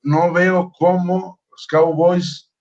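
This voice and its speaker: A Mexican man with a fairly high voice gives relaxed picks on a live football show. He hedges as he talks, leaning on "o sea" and "la verdad es que". The stream audio sounds a little dull and muffled. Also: drawn-out words. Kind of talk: casual sports analysis.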